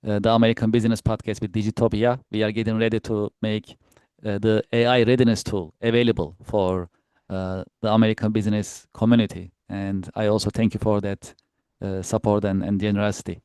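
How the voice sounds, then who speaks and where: A man's voice: on the low side, flat delivery, a little fast, mellow, clear, resonant tone, no echo. A man hosting a podcast interview, politely thanking his guest and hesitating with frequent uhs. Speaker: podcast host.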